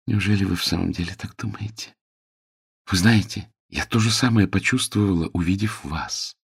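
A man's voice: sits low, normal speed, vocal fry, husky, no echo, studio quality, heavily acted. A man voicing an enthusiastic, romantic young woman who speaks in gushing exclamations. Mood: earnest.

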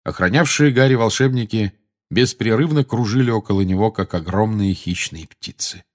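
Low-voiced man reading a story aloud. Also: normal speed. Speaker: audiobook reader. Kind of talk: scripted narration.

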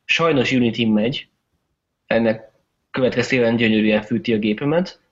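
A man co-hosting a podcast, chatting eagerly about a game, with hesitant restarts. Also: mid-range voice. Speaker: podcast co-host. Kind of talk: casual chat. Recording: dull lo-fi recording.

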